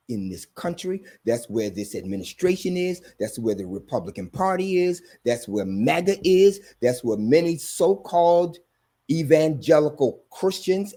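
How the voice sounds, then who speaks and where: A man with a somewhat high voice gives sermon-style commentary as host. He hammers his points with emphatic, repeated phrases in a preacher's cadence. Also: mellow.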